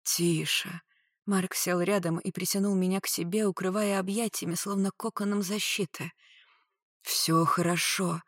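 A woman voicing a tender, protective young man who speaks quietly and slowly. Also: medium pitch, little pitch movement, no echo, studio quality, close to an everyday voice. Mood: soothing. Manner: quiet, slow, hushed.

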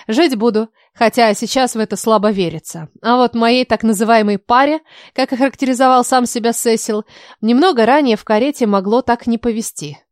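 A woman's voice: on the high side, a little fast, no room sound, studio quality. A woman narrating a first-person audiobook in a wry, ironic manner.

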